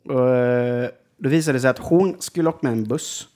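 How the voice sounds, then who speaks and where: A man's voice: mid-range voice, darkish tone. A young man telling a rambling story in casual chat, full of fillers and swearing. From Jönköping, Sweden.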